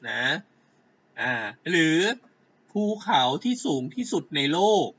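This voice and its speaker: A man teaching a grammar lesson at an unhurried pace. His voice is bright and fairly high for a man. He keeps checking that his class follows along, and the sound is dull and lo-fi. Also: sing-song.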